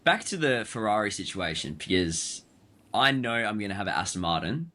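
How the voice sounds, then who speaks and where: A man hosting a podcast, asking questions in a relaxed, casual way with loose phrasing. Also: fairly low pitch, normal speed. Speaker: podcast host. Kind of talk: casual interview chat.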